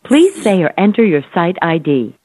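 A woman speaks a recorded phone message, reading menu prompts in a polite, scripted way. Her voice has a slight huskiness and moves up and down in pitch. It comes through a thin, tinny phone line with no room sound. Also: very animated, normal speed, a little mellow, husky, dry recording.

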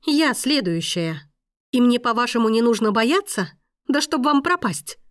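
A woman reading a novel aloud, voicing a frightened and furious young heroine in shrill angry outbursts. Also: expressive, measured pace, no echo, clean studio sound.

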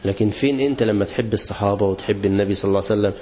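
Fast-talking Egyptian preacher, lo-fi. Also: male voice, fairly low pitch. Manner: lively, asks the class questions and answers them himself. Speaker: preacher teaching a class. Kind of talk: religious lesson to students. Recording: dull lo-fi recording.

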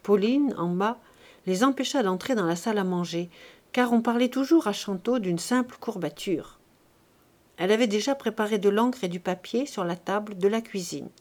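A woman narrating a classic novel in a measured, even storytelling manner. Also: mid-range voice. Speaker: audiobook reader.

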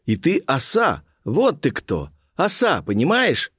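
Man reading as an impatient officer, blurting out exclamations, lively pitch, dry close sound. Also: slow, breathy edge, no echo, heavily acted. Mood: eager. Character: eager, impatient 19th-century officer.

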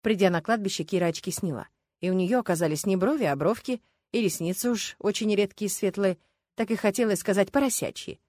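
A woman narrates an audiobook with lively, ironic storytelling. Her pitch sits in the middle of the range. The recording is dry and close, with no room sound. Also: a little fast, no room sound. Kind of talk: scripted narration.

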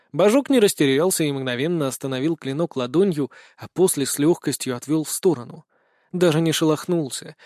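A man's voice: fairly high pitch, a little mellow, no echo. Man narrating an audiobook, dry sound. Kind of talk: scripted first-person narration.

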